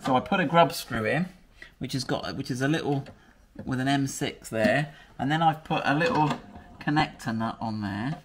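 A middle-aged British man chats as he works in a garage workshop, walking through his fix step by step, thinking aloud and making fun of himself. His voice is mid-range at a moderate pace, and the background is noisy.

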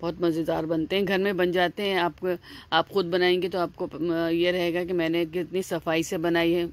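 On her home cooking video, a woman with a voice on the low side talks at a moderate pace in a level tone. Her step-by-step instructions are casual and chatty, full of repetition, "aa" fillers, and restarts.

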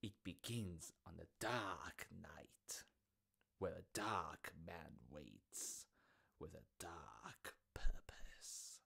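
A man voicing a sly, chatty street peddler who shifts between hushed and booming theatrical sales patter. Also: huge pitch swings, measured pace, heavily acted.

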